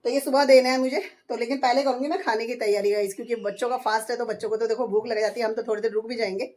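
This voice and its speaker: Chatty hoarse woman at home. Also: a little high, steady tone, racing, a little mellow. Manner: chatty, narrates her chores step by step. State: hoarse, voice going. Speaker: vlogger. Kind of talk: casual home vlog. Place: at home, indoors.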